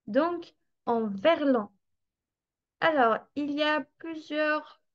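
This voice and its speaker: Slow, patient high-voiced French teacher. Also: female voice, dull audio. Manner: slow, patient explaining with drawn-out examples. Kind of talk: online webinar lesson.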